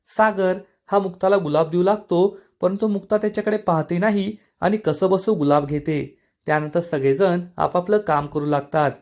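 A man whose voice sits a bit high reads a scripted recap of a TV serial at a normal speed. His storytelling stays steady and even, and he delivers every quoted line plainly.

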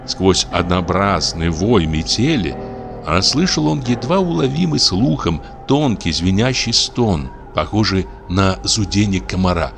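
A man's voice: deep voice, fairly bright tone. A man reading a classic short story aloud as an audiobook narrator. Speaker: audiobook reader.

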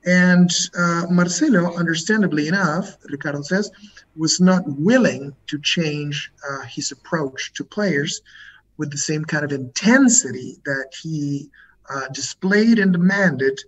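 A man interpreting in an interview, relaying another man's answers as a halting spoken English translation. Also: fairly high pitch. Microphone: video call. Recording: dull lo-fi video call with loud noise.

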